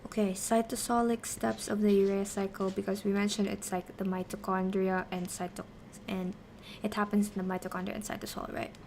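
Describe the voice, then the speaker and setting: Casting: female streamer-tutor, mid-range and fairly even voice, casual self-directed explanations, some background noise. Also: mid-range voice, brisk, vocal fry, hardly any pauses. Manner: talks to herself while working through answers. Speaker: streamer teaching biochemistry. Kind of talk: casual study-stream explanation, question and answer.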